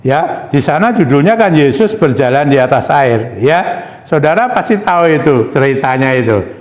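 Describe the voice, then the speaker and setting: A man's voice: a little high, expressive, moderate pace. A man preaching a sermon in a church hall. He reads scripture aloud, then comments on it emphatically, calling on the congregation as "brothers and sisters" and asking them rhetorical questions. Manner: addresses the congregation as "Saudara" and asks rhetorical questions.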